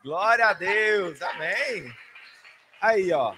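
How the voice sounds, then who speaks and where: A man's voice: high voice, animated, extremely slow, pushed and bright, a little hiss or hum. A man teaching a church Bible class, answering participants with short amens and summing up. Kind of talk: leading a church class discussion. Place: church hall.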